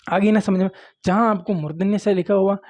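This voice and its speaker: A man's voice: sits high, fairly even intonation, fairly quick, darkish tone. A man teaching grammar at a board, often saying "look" and "okay" to his students. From Rajasthan. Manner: repeats "देखो" and "ठीक है", coaxing and plain. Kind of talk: classroom lecture at a board.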